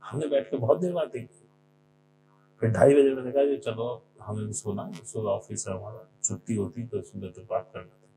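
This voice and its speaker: Man, spiritual speaker, gravelly voice; conversational discourse that draws on his own life, with a hum and noise under it. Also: lowish voice, normal speed. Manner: often mimics what others said. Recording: noisy recording with a steady hum.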